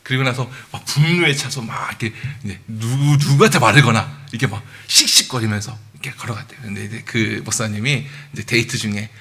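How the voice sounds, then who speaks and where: Man, 30s, church preacher, animated storyteller, bright forceful tone. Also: medium pitch, brisk, few pauses. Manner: animated storytelling with acted quotes and chuckles. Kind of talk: sermon.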